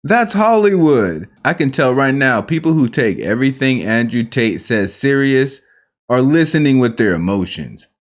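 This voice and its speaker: A man's voice: medium pitch, very animated, normal speed. A man hosting a reaction video, commenting in a laid-back, amused, casual way.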